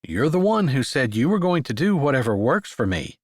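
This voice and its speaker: A man voicing a stubborn, grumpy young rancher who speaks in a quiet, commanding, clipped way. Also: medium pitch, very animated, moderate pace, no room sound, clean studio sound.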